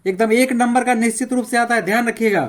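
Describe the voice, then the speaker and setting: In a classroom grammar lesson, a man with a very high voice and fairly even intonation demonstrates sounds one by one, repeating each slowly and with careful enunciation. He repeatedly tells listeners to pay attention and say them aloud.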